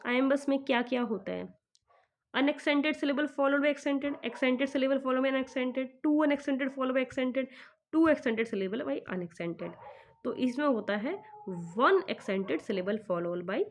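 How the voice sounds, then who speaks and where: Brief: woman exam tutor with a fairly high voice, walks through questions one by one, reads the English slowly, explains in Hindi. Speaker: exam prep teacher.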